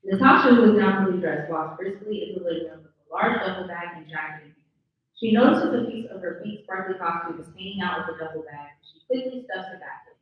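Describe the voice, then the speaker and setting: At a live script table read in a room, a woman serves as narrator and reads the stage directions with an animated, quick delivery and a fairly low pitch. The recording sounds distant and slightly dull, with a very echoey room.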